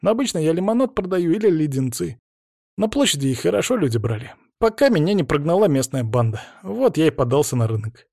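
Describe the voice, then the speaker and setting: A man's voice: fairly high pitch, big pitch swings, fairly quick, creaky, darkish tone, no echo, studio quality, voice pushed up, exaggerated voice. A man voicing a ragged, cheeky young street boy who talks in eager, boyish exclamations. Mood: sheepish.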